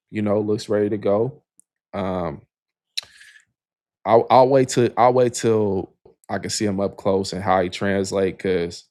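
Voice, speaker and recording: A lower-voiced man co-hosting a sports podcast in an easygoing, rambling way. He leans on "you know" as he thinks aloud. The recording is close and dry. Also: a little mellow, no echo. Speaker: podcast co-host. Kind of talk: casual sports podcast chat.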